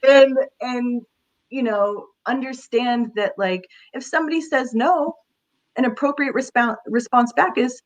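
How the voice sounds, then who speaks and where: A woman's voice: a little high, a little slow, rough recording. A woman career counselor giving casual advice in an interview, talking in a chatty way with many fillers.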